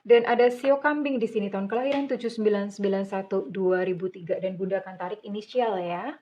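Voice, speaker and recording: Calling herself Bunda and her viewers "dear," a middle-aged woman with a Javanese-influenced Indonesian accent delivers a soothing tarot reading. She talks quickly in a mellow, mid-range voice with fairly even intonation, over a slight hiss or hum.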